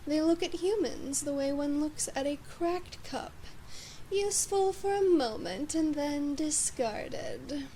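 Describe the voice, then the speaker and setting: A girl does an ASMR demon queen roleplay, a scripted monologue aimed at her human knight, speaking very slowly in a high, expressive, dark-toned voice. She's bossy and imperious, condescending and measured, sometimes sinking into breathy whispers. There's a bit of background noise.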